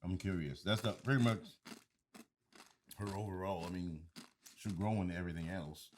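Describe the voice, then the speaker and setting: A man's voice: low-pitched, moderate pace, a little hiss or hum. A young man co-hosting a casual podcast, playful and teasing, chuckling often. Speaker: podcast co-host. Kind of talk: casual chat.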